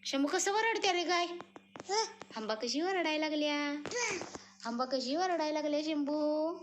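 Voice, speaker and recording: A young woman from Maharashtra, a mother filming her baby near the cows, cooing at him in high sing-song baby talk and murmuring plainer asides to her viewers. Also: animated, moderate pace. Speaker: vlogger mother. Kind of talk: home vlog talking to her baby and viewers. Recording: noisy home phone recording.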